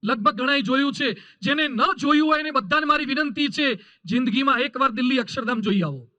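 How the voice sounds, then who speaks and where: A man's voice: very high voice, fairly quick, pushed and bright, dry recording, muffled recording. A man giving a sermon to a gathered audience, emphatic and repetitive, telling stories and acting out the people in them. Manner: emphatic, repetitive lists, voices characters in stories. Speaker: swami preacher. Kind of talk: sermon with anecdotes.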